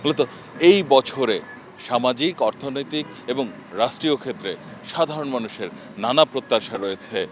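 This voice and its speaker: A man hosting a street opinion program, presenting to camera in a brisk, formal announcer manner. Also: mid-range voice, slight background noise. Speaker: street interview host.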